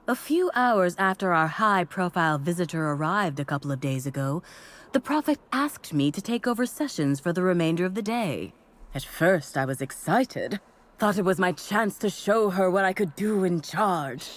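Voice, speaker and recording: Weary, forced-cheerful cult aide. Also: female voice. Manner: chipper sales pitch that sags into resignation. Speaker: voiced game character.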